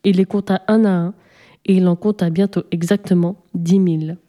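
A woman storyteller reading a fairy tale aloud in a calm, measured way. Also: lowish voice. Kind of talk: storybook narration.

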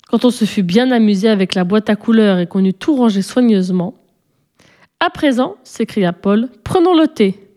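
A woman reading a children's story aloud in a gentle, measured way. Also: medium pitch. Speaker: narrator.

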